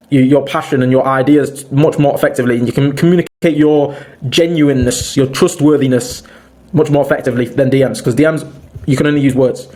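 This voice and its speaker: A man's voice: on the high side, darkish tone. A man giving an informal sales training talk, addressing listeners as "boys" and often restarting his sentences. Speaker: sales coach. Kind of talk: casual online training talk.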